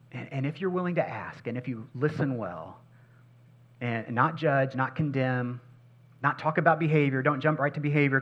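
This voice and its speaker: Delivering a sermon in a mid-range voice, this male pastor alternates between booming emphasis and quiet intimacy, hammering home key phrases by repeating them. The recording has a lo-fi quality.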